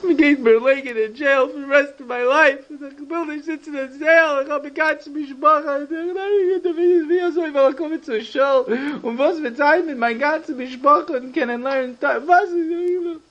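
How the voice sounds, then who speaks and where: A desperate grown man choking back sobs, his pleas pitched high and strained, as a storyteller puts him on. His voice climbs well above a normal man's range. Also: normal speed, few pauses, a bit bright, muffled recording. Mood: desperate crying. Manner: high, pleading, near tears. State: crying.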